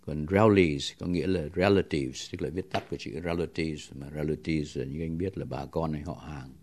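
A male English teacher explaining words patiently, pausing to think and spelling them out letter by letter. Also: very deep voice, steady tone, darkish tone. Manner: pauses with thinking fillers. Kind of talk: explaining language on a radio lesson.

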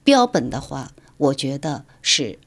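A woman's voice: a bass voice, very animated, measured pace. A woman writer from Shanghai, guest on a radio interview, explaining her views in an articulate, lecturing way.

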